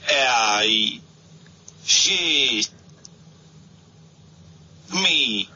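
A man's recorded speech played backwards through an app, with slurred, drawn-out syllables. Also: mid-range voice, animated, bright, forceful tone. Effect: recorded speech played backwards through a phone app. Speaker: radio caller. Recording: muffled noisy radio line.

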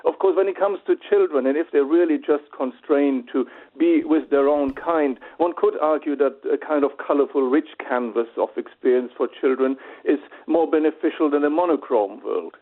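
Male phone-in guest, slightly raised pitch, measured hesitant delivery, tinny phone line. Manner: measured, hesitant with many uhs. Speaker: phone-in guest, party spokesman. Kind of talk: radio interview over the phone. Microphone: telephone.

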